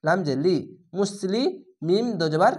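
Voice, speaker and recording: A man with a Bangladeshi accent teaching Quran reading, who spells each letter and vowel mark aloud, then chants the whole word slowly and drawn out. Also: high voice, expressive, darkish tone. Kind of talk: spelling-out recitation lesson.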